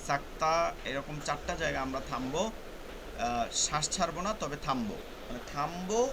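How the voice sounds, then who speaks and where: A man's voice: a little high, normal speed, very noisy. A male Quran teacher, patiently explaining rules step by step in an online class. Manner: patient, repeats points step by step.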